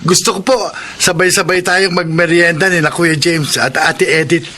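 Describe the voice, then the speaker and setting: A Filipino man playing an earnest, excitable youngest son in a radio drama. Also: a little high, normal speed, slight background noise. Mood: happy, eager. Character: earnest, eager youngest son, student-aged. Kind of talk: Tagalog radio drama acting.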